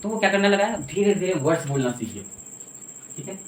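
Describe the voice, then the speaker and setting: A fast-talking man with a high, expressive voice teaches English lecture-style, moving step by step and repeatedly checking on his students' understanding. There's slight background noise, and the classroom lecture echoes around the room.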